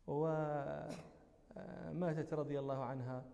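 A man's voice: fairly high pitch, slow pace, gravelly, mellow, in a large hall, lo-fi sound. A man with a Moroccan accent teaching a religious lesson, explaining a text patiently and correcting himself as he goes. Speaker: teacher of hadith.

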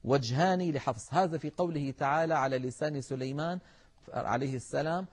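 Man, middle-aged, recitation scholar, measured teaching tone, slightly high voice. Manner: measured, explanatory, addresses viewers directly. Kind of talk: televised religious lesson with chanted verses.

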